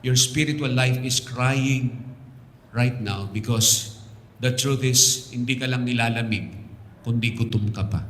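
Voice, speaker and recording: A Filipino man preaching a sermon from the pulpit, mixing Tagalog and English and building to loud, passionate appeals. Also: medium pitch, slight background noise. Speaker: pastor. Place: church sanctuary. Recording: echoey church hall, slightly distant.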